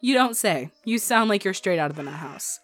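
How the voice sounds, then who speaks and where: A woman's voice: medium pitch, animated, fairly quick, a bit bright, dry recording, soft background music. A woman playing a sardonic but supportive farmer's wife in an audio story, with a dry, skeptical manner. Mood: incredulous. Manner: dry, sarcastic.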